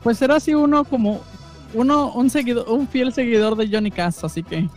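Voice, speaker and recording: A man with a Mexican accent co-hosting a joking chat, dropping slow, drawn-out quips. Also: very high-pitched, darkish tone, soft background music. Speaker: podcast co-host. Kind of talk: jokey casual chat.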